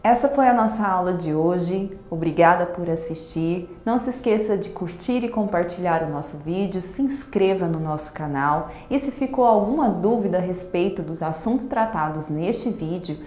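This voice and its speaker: A woman teacher gives an online lesson, stretching words slowly syllable by syllable as she explains. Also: on the low side, animated, dark tone, reverberant.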